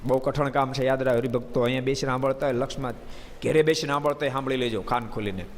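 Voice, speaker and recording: A man's voice: mid-range voice, steady tone, racing. A man delivering a devotional sermon, retelling scripture stories and calling on listeners by name with emphatic bursts. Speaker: swami preacher. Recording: long hall reverb.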